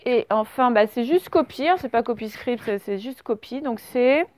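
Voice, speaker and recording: A French woman teacher giving a slow dictation lesson to young children, stretching out words and spelling letters. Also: a little high, a little mellow. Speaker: primary school teacher.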